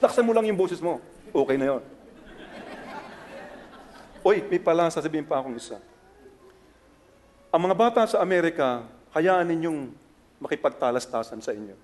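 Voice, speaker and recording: A middle-aged Filipino man with a Filipino accent, preaching a sermon as pastor, animated and swinging between soft asides and loud acted-out quotes. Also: normal speed, pauses often, some chatter behind. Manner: animated, acts out quotes with sharp jumps in pitch and loudness.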